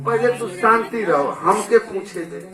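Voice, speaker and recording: An actor playing a pompous village exorcist baba in a Bhojpuri folk comedy, speaking slowly and deliberately. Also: male voice, high-pitched, animated, heavily acted. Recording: echoey stage recording with loud music.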